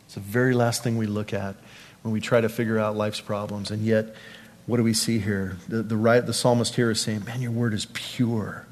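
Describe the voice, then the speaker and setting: With a long hall reverb around him, a pastor works through scripture verse by verse in a conversational sermon, restating lines and questioning his congregation. He speaks at a normal speed in a lowish voice with a level tone.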